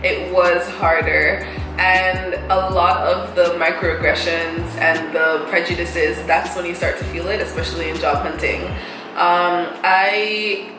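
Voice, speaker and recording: A young woman from Jamaica chats with friends in a relaxed, thoughtful way, pausing on fillers as she explains. Her voice sits a little low. The room is echoey and music plays under her. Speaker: English teacher. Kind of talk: casual chat.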